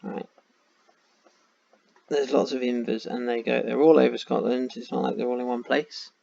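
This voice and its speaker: A man's voice: medium pitch, steady tone, normal speed, vocal fry, warm tone, slight background noise. A man with a tired voice, thinking aloud in casual commentary while playing a map game. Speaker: game streamer. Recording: dull lo-fi sound.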